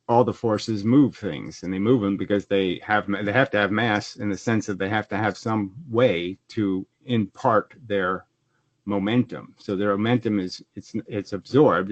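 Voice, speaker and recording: A man on a video call explaining his own physics model in casual speech, often restarting his sentences and growing animated when challenged. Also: lowish voice, no echo. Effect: heard over a video call. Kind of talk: conversational explaining. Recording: dull, dry video call audio.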